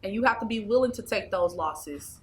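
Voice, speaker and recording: A woman's voice: mid-range voice, expressive, moderate pace, slight background noise. A woman, an interview guest speaking emphatically and repeating her points. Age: 20s. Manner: emphatic and preachy, repeats phrases. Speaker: interview guest, anger management specialist. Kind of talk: casual interview talk. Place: small indoor studio set.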